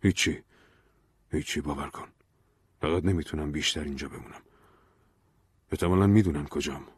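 A man's voice: a bass voice, slight background noise. A man voicing a paranoid young man who urgently and secretively begs a friend to keep his papers safe. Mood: urgent worried.

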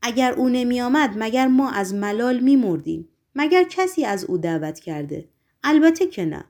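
A woman's voice: a little high, expressive, darkish tone. A woman reading aloud, voicing a sly, showy male con man who makes mocking, whining speeches.

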